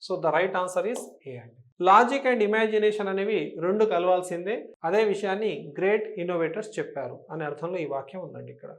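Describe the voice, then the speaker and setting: A man's voice: high-pitched, a little fast. A man with a Telugu accent teaching English for an exam, explaining patiently and often checking that students follow. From Telangana, India. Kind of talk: exam-prep lesson.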